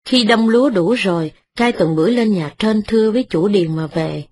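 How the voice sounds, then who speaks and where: A woman narrating a story as an audiobook in a steady, even manner. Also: mid-range voice, normal speed, breathy edge.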